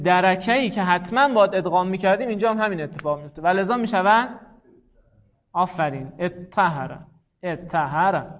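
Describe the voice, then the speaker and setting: A man teaching a class, lively and encouraging, repeating examples slowly and praising his students. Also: high-pitched. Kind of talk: classroom lesson on Arabic morphology. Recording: dull lo-fi classroom recording.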